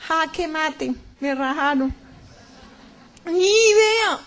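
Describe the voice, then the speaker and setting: A woman's voice: sits high, expressive, very slow, a bit bright. A middle-aged woman giving a fervent, emphatic religious testimony to a church audience, often repeating words.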